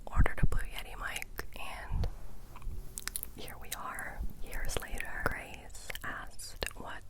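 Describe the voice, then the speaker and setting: A young woman whispering softly and intimately, close to a binaural mic, chatting casually as she answers questions in ASMR style. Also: slow pace, rough recording. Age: young adult. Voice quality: soft unvoiced whisper. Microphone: close binaural microphone.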